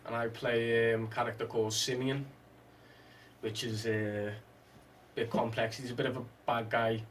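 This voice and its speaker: A man's voice: medium pitch, flat delivery, normal speed, recorded from a distance, slight background noise. A male actor talking casually about his role in an interview, laid-back and plain. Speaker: actor guest.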